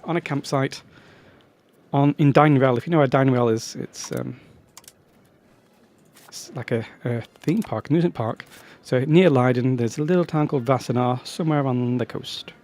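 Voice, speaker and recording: A man's voice: medium pitch, normal speed, darkish tone. Rambling male strategy-game commentator. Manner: rambling, self-interrupting, chatty asides. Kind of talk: casual gameplay commentary.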